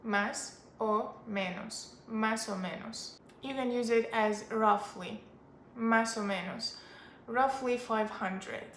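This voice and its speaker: A woman teaching useful phrases in a chatty, upbeat way, repeating each phrase slowly for her learners. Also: fairly high pitch, a bit bright, echoey room, slight background noise. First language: not Spanish or English. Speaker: language teacher. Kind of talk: casual language lesson to camera.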